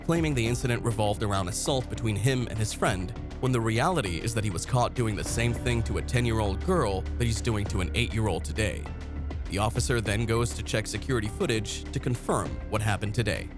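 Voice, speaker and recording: A man's voice: fairly low pitch, fairly quick. A man narrating true-crime cases in a grave, scripted delivery. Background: background music.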